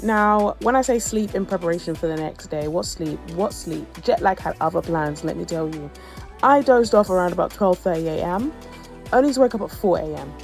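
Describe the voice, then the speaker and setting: A woman's voice: on the low side, animated, fairly quick, a little mellow, soft background music. A woman narrating her travel vlog as a voice-over, telling her story in a chatty, humorous way with playful asides. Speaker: travel vlogger.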